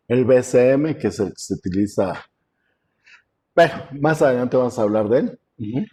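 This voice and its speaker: A man lecturing an online class as professor, talking in a conversational way with many fillers and frequent throat clearing, over a video call. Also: medium pitch, unhurried, pauses often, warm tone.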